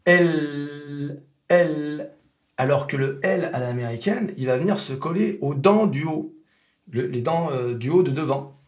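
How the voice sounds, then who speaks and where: A native French speaker giving a casual pronunciation lesson, repeating sounds slowly to demonstrate them. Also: male voice, medium pitch, animated, darkish tone. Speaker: English pronunciation teacher.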